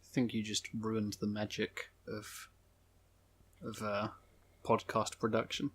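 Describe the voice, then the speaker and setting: A man's voice: on the low side, completely flat delivery, takes it slowly, fairly bright tone, slight background noise. Joking male podcast co-host. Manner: joking, teasing. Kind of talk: casual comedic podcast chat.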